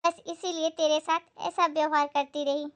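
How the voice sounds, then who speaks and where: A woman doing a sharp-tongued middle-aged mother-in-law in a family moral skit. She scolds in a very high voice. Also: level tone, normal speed. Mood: remorseful. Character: nagging middle-aged mother-in-law who avoids housework.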